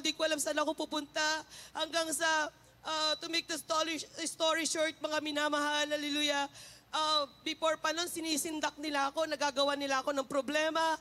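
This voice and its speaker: A woman gives an emotional testimony in church, speaking fervently and returning again and again to a tender phrase for her listeners. Her voice is high and bright, and she holds it to a fairly narrow, steady melody. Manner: fervent, repeats a refrain of endearment to the congregation. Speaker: church member giving testimony.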